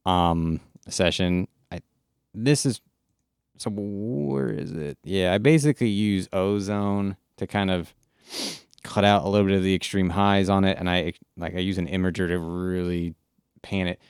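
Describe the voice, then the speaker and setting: Laid-back man, smooth and low. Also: fairly even intonation, normal speed, no room sound, studio quality. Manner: laid-back, swears often, rambling with many fillers. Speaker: music streamer. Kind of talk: casual live-stream chat. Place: home studio.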